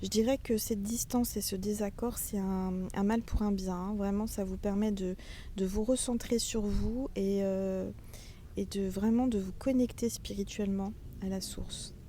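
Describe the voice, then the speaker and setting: A woman's voice: medium pitch, fairly even intonation, normal speed, mellow, a little hiss or hum. Chatty woman reading tarot outdoors. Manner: chatty, addresses viewers as little stars. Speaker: tarot reader. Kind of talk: casual spoken tarot reading. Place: outdoors in front of a castle, people around.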